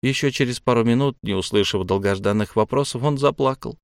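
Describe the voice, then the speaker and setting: A man narrates an audiobook in a steady, even storytelling voice. The sound is dry and close to the mic, with mid-pitched, unhurried delivery. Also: clear, resonant tone, no room sound. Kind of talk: scripted narration.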